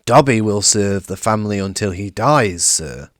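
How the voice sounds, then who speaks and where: A man voicing a small, servile and tearful male house elf who talks about himself by name in a high, excitable way. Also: normal speed, dry recording, clean studio sound, close to an everyday voice. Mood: earnest.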